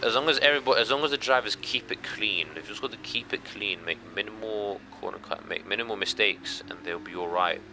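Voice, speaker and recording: Low-voiced man commentating a race. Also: vocal fry, slight background noise. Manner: chatty, jokey, quick rises in excitement. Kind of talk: casual live race commentary.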